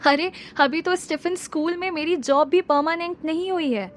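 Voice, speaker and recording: A woman plays a playful young male teacher teasing his mother in an audio story. He sounds high and lively, quick with a joke and half exasperated. Clear music runs underneath.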